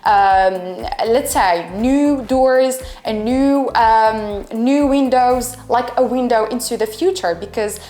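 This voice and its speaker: Her voice is fairly high and mellow, unhurried yet with hardly any pauses, as this twenty-one-year-old from Algeria answers interview questions in English. An Arabic speaker who studies and teaches English, she hesitates and often searches for words, recorded in an echoey room with faint music.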